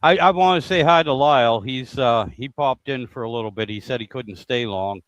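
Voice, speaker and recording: Casual American male stream host, halting and rambling, dry close sound. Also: medium pitch, fairly bright tone, no room sound, muffled recording. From United States. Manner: rambling, hesitant, many fillers and restarts. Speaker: livestream host. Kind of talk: casual livestream chat. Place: home shed workshop.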